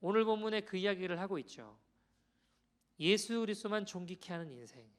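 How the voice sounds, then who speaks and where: A man preaching a sermon as pastor, conversational and animated as he tells a story to the congregation. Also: high-pitched, a little fast. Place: church sanctuary.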